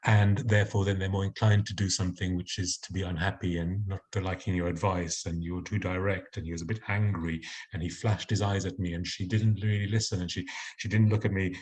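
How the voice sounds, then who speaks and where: A man's voice: low voice, brisk, a little mellow, breathy edge. A man from Nigeria speaking earnestly as a panelist in an online discussion, restarting phrases as he makes his points.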